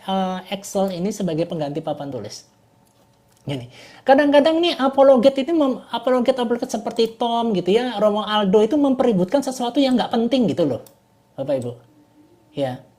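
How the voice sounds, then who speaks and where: A woman gives a casual online lecture over a computer mic. Her voice sits a little high yet sounds mellow and warm. She talks in a chatty, repetitive way, often asking whether everyone follows. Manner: chatty, repeats "gitu loh" and "Bapak Ibu". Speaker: online class teacher.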